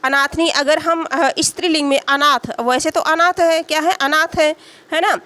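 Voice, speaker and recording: A woman with a high voice teaches an exam-prep Hindi grammar lesson. She puts a question to the class and answers it herself, repeats each word more than once, and keeps checking in with short tags. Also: a bit bright. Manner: frequent tag "है ना".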